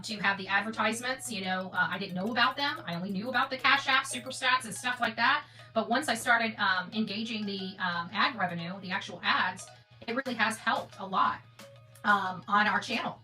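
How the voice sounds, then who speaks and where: With a bright, forceful, mid-range voice, an American woman rambles to her channel's audience, stressing and repeating phrases in a casual, emphatic style. The recording has a distant mic with music behind.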